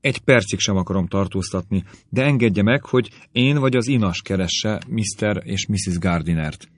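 A man reading the part of a courteous, concerned young gentleman in an audiobook. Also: lowish voice, no room sound, clean studio sound, close to an everyday voice. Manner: earnest, courteous tone.

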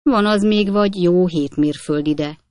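Surly country man, read by a woman, curt, gruff, low, dry, storybook. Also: a little mellow, no room sound, close to an everyday voice. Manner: curt, gruff one-word answers.

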